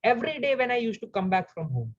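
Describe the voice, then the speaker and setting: A man's voice: extremely high pitch, sing-song, fast talker, dull audio. A man speaking as a coach in a live Q&A, telling a personal story earnestly and emotionally to his audience.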